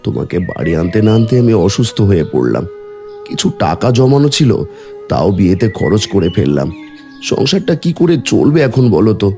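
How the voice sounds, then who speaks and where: A man's voice: lowish voice, very animated, fairly quick, vocal fry, warm tone, faint music behind. Man playing a worried young village son. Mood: earnest. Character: sick, worried young village son, fond of his mother.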